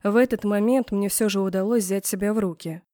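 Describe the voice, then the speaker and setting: A woman narrating a first-person novel as an audiobook, in a mid-range voice. Her telling is even and steady, rising where the tension builds. The recording is dry and close, with no room behind it. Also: mid-range voice, fairly quick, no room sound.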